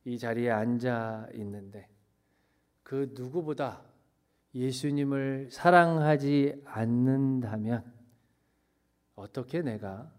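A middle-aged male pastor preaching a sermon with emphatic delivery, swinging between loud declarations and hushed phrases and slipping in English phrases. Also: mid-range voice.

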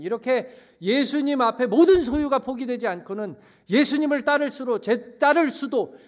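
A middle-aged male pastor preaching a sermon with emphatic delivery, swinging between loud declarations and hushed phrases and slipping in English phrases. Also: very high-pitched.

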